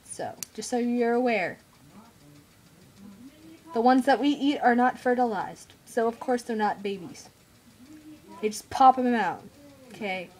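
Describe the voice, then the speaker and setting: Young mom vlogging, stuffy nasal sick voice, kinda high, talks slow and blunt. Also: female voice, darkish tone. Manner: blunt and opinionated, chatty. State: congested, feeling unwell. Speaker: mother vlogger. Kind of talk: casual opinion vlog.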